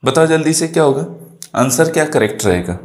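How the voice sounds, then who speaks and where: A man's voice: a little high, lively intonation, a little fast. A man teaching an exam-prep lesson, explaining English words in Hindi and quizzing his pupils. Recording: echoey room.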